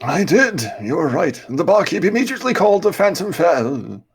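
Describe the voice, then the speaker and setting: Guy putting on a fussy formal troll voice, bit husky, swoopy. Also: high-pitched, very animated, normal speed, heavily acted.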